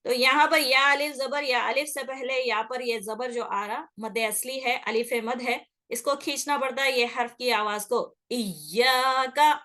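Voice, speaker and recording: Bright-voiced woman teaching recitation. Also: high-pitched, fairly even intonation, moderate pace, few pauses. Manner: patient, repeats "okay" checks and drawls out sounds to demonstrate. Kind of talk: explanatory classroom lesson.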